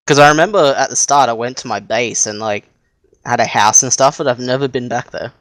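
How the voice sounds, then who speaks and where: A man's voice: mid-range voice, a little fast, a bit bright, no echo. A man on a casual gaming podcast, joking and teasing the others.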